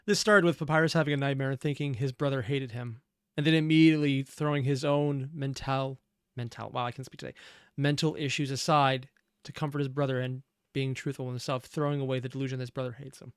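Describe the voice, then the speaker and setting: Medium in pitch, smooth, and fairly even in intonation, the man's voice is captured dry with clean studio sound. His role is reaction-video host, and his take on a fan dub is reflective, earnest and analytical, with purposeful emphasis.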